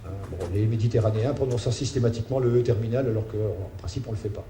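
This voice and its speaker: A man giving a spoken lecture, halting, with many fillers and restarts. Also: lowish voice, warm tone. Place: lecture hall. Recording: roomy hall sound with faint ambient noise.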